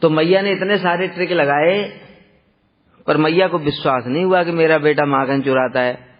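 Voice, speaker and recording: A man telling a devotional story in a lively, conversational way, often asking the listeners rhetorical questions. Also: fairly high pitch, normal speed. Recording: dull lo-fi sound with long hall reverb.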